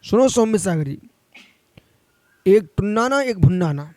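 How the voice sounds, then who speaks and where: High-voiced man preaching a stern sermon. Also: lively intonation, unhurried, darkish tone, no room sound. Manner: admonishing, addresses listeners directly. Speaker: Jain monk.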